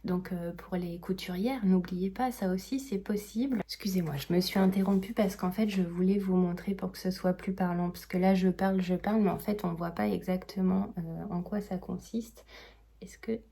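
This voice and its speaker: A woman's voice: lowish voice, fairly even intonation, moderate pace, gravelly, mellow, slightly rough. A French woman chatting casually in her knitting vlog, hesitant and full of fillers and restarts. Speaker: knitting vlogger.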